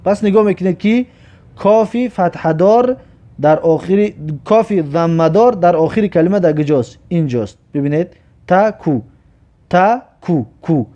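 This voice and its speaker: A man with a Tajik accent teaching a reading lesson, saying each word slowly twice and patiently explaining the vowel marks. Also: high-pitched, warm tone, lo-fi sound. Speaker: Arabic alphabet teacher. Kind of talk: slow, repetitive reading lesson.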